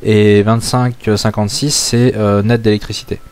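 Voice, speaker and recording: A man's voice: on the low side, little pitch movement, moderate pace, darkish tone, smooth, no echo. A man from France explaining a topic in a casual screen-share tutorial, thinking aloud with many filler sounds. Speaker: crypto mining channel host.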